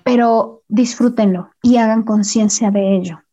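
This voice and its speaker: A woman, a guest speaking gently and encouragingly in a casual talk. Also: on the high side, fairly even intonation, measured pace. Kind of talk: casual conversation. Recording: dull lo-fi sound.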